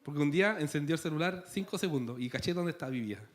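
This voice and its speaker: A man's voice: a little high, expressive, racing. A man with a Chilean accent preaching a sermon in a church, conversational and playful, tossing in rhetorical questions. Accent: Chilean Spanish. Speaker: pastor.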